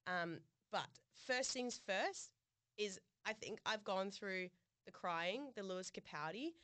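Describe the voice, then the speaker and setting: A woman's voice: medium pitch, slow, no room sound. Sweary young woman telling a breakup story. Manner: animated storytelling, sweary, laughing. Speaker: podcast co-host. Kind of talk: casual chat.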